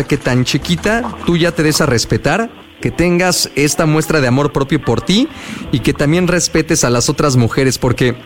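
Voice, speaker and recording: A man with a Mexican accent hosting a call-in radio show, lively, slangy and affectionate with his callers. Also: a little high, slight background noise.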